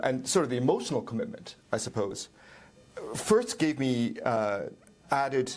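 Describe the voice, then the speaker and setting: A middle-aged Irish professor answers interview questions in a medium-pitched, slightly mellow voice. He explains things in a measured way, pausing often and saying "um."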